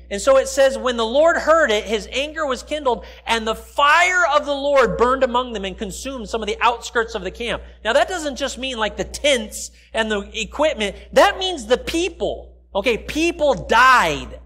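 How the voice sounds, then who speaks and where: His voice is very high-pitched, bright, and forceful. A middle-aged American man, he delivers a sermon as pastor from the stage of a large church sanctuary, talking in an explanatory, conversational manner and often pausing to address listeners directly.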